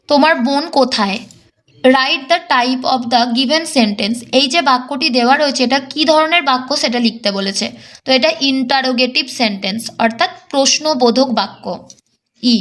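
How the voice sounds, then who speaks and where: A woman teaching an exam-prep English lesson. She reads English lines slowly, then explains them briskly. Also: sits high, a bit bright.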